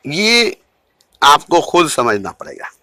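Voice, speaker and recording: A man giving an informal spiritual talk at home in a measured way, repeating key phrases for emphasis. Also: on the high side, huge pitch swings, pushed and bright. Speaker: spiritual teacher.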